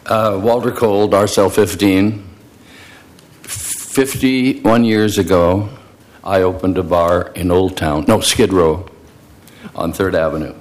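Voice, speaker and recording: An older man in his seventies or beyond gives an informal public speech, halting and repeating phrases for emphasis. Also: low voice. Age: 70s or older. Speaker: veteran bar owner giving testimony. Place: public meeting room.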